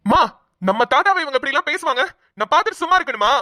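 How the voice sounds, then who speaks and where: A woman's voice: high-pitched, expressive, rapid-fire, sharp tone, dry recording, studio quality. A woman voicing a hot-tempered younger son in a cartoon, scolding indignantly. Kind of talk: cartoon voice acting.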